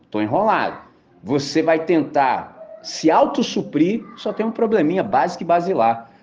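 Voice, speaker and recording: Brazilian male preacher, casual slang, rhetorical questions, very lively delivery, muffled lo-fi recording. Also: a little high. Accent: Brazilian Portuguese. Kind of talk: lively evangelical sermon. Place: auditorium stage. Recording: dull lo-fi sound.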